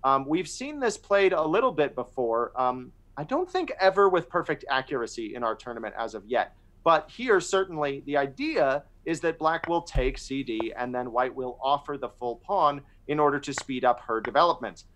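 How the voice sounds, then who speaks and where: A man's voice: medium pitch, animated, moderate pace, fairly bright tone. Thoughtful man commentating on chess. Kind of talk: reflective casual commentary.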